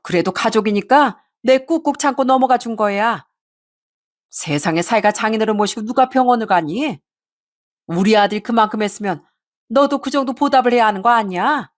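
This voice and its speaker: A woman voicing a greedy, nagging older mother-in-law who drawls her complaints slowly and guilt-trips. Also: on the high side, voice pushed up, lightly acted. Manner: slow, drawn-out, whining guilt-tripping.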